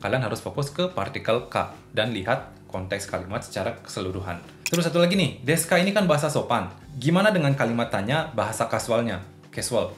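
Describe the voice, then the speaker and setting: A young man casually teaching a language lesson, chatty and patient, working through spoken examples. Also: medium pitch. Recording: roomy echo with faint music.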